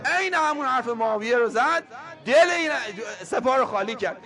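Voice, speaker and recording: A man preaching an impassioned political sermon, fiery and scolding, rising at times to shouts. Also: extremely high pitch, expressive.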